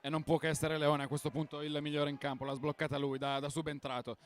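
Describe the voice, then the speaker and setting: A man co-commentating a football final live, with a slightly raised pitch. He speaks fluently and heaps enthusiastic praise on the players. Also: little pitch movement, quick pace.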